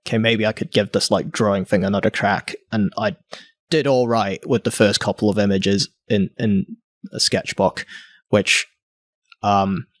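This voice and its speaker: A young man from Hong Kong, a guest artist in a casual interview, talking haltingly with many fillers and restarts. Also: on the low side, steady tone, no room sound, clean studio sound.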